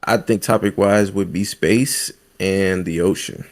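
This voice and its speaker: Gravelly man chatting casually on a podcast. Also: low-pitched, measured pace. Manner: emphatic, repetitive, loose slangy talk. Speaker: podcast co-host. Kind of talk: casual chat.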